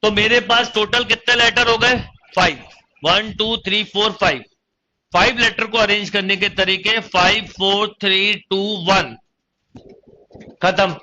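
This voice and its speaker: Bright-voiced Hindi-accented male math teacher. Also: sits high, fairly even intonation, slow pace, dull audio. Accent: Indian Hindi. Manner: addresses students as beta, counts aloud step by step. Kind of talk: online coaching lecture.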